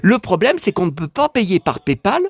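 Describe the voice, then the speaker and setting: A man casually vlogging about collector books, excitable and rambling, talking straight to his viewers. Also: sits high, normal speed, breathy edge, no echo.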